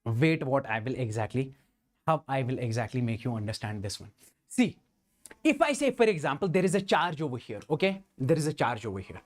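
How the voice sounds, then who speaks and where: A man's voice: mid-range voice, sing-song, a little fast. A male physics teacher, giving an exam-prep lecture and checking in often with students. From India. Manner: addresses students directly, keeps asking "understand?"; voices the students' replies as "Sir, ...".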